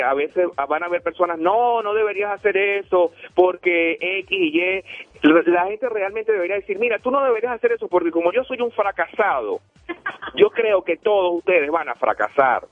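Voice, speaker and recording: A Venezuelan man hosts a motivational radio show, preaching emphatically, repeating himself for effect and restating phone numbers. His voice is high and animated at normal speed, with no room sound, faint music behind, and a tinny phone-like line.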